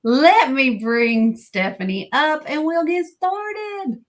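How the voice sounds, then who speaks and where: A woman hosts a live sale with a friendly, upbeat manner. Her high voice swings widely in pitch, and she speaks at an easy, unhurried pace. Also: lively intonation. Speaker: host.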